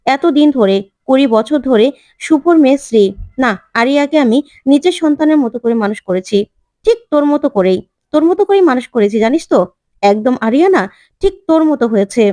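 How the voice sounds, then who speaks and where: A scheming middle-aged man broods over his long revenge in a serial recap, voiced by a woman narrator. The delivery is rapid and high-pitched. The sound is dry and close. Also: a little mellow, dry recording, natural voice.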